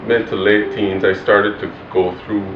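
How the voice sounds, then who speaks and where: A man's voice: on the low side, little pitch movement, moderate pace, background noise. A man in his forties from Barbados, a pastor, speaking hesitantly and reflectively about his life, with many fillers. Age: 40s. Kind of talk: personal testimony interview. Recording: roomy, distant, muffled with loud guitar music. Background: loud guitar music.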